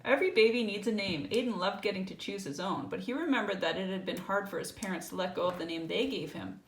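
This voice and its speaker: Speaking fast at a medium pitch, a woman reads a picture book aloud to a child and interrupts herself with casual explanatory remarks and quick check-in questions. Roomy echo and faint background noise are audible.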